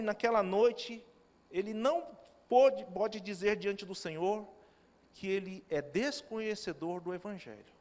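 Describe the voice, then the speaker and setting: A male pastor giving a sermon in a church, telling stories with quoted dialogue. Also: sits high. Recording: long reverb of a church hall.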